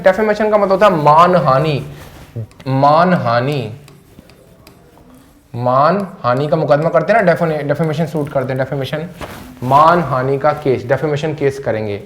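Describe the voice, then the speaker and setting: A man's voice: fairly high pitch, slight background noise. A man teaching English vocabulary in a Hindi-accented voice, repeating each word several times in front of a classroom board. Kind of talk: vocabulary lesson to camera.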